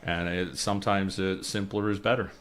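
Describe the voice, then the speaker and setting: His voice sits low with fairly even intonation, a moderate pace and a fairly bright tone. The young British Columbia election candidate, from the Lower Mainland, answers a radio studio interview on a boom-arm studio mic, earnest and repeating words as he searches for them.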